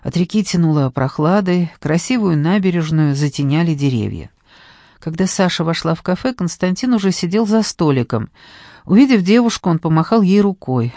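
Clean studio sound with a dry feel carries a woman's lowish voice as she reads a novel chapter aloud. She's an audiobook narrator working from a script, telling the story in an even, measured way.

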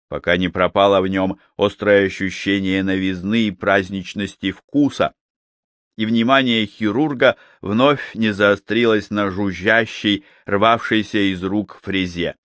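A man narrates an audiobook in an even, measured read with a fairly low voice. The sound is dry and close, with no room echo. He keeps a steady, unhurried delivery. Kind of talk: scripted narration.

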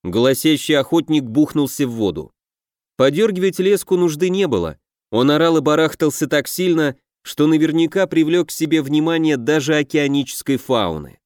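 A man narrating a fantasy audiobook in a steady, measured way. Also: a little high, dry recording, studio quality.

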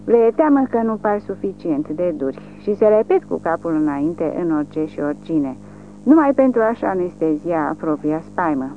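A woman narrates an audiobook in a steady, fairly low voice. The recording is thin and phone-like, with a faint hum underneath.

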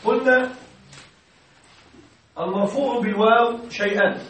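High-voiced man teaching in an echoey classroom. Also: fairly even intonation, a little slow, a bit bright, slight background noise. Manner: keeps quizzing students with short check questions. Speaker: Arabic grammar teacher. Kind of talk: classroom lecture. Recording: very echoey room, mic far off.

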